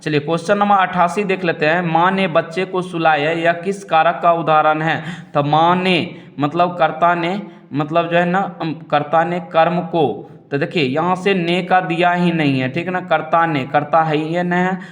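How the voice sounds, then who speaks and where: A young male teacher with a slightly high voice goes through multiple-choice exam questions one by one. He explains each answer at a steady pace and keeps coming back to the same stock phrases. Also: normal speed.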